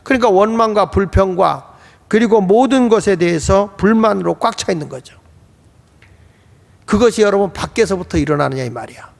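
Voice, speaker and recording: High-pitched gravelly preacher, echoing hall. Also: male voice, animated, moderate pace. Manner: emphatic, swelling to exclamations. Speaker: pastor. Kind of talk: sermon. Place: church sanctuary. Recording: echoey church hall.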